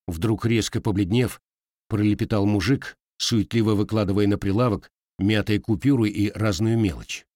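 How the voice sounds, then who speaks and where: A man's voice: fairly low pitch, steady tone, moderate pace, warm tone, no room sound, clean studio sound. A man reading a historical novel aloud as an audiobook narrator, giving the characters their own slight voice changes.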